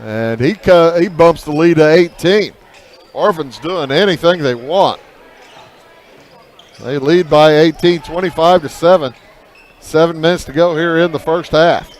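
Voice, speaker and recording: A man calling a high school basketball game play by play, measured with filler pauses, lifting his voice on big plays. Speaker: play-by-play announcer.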